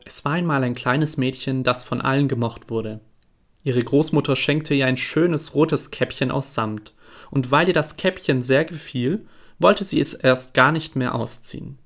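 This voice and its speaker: A man reading a fairy tale aloud in a calm, even storytelling voice. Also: medium pitch, a little slow, faint music behind.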